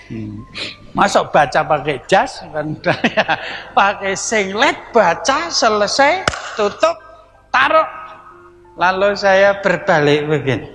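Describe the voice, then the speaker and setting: Male evangelist, bright high voice, acts out his story, faint music under a reverberant hall. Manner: animated storytelling, laughing, acting out dialogue. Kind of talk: sermon testimony.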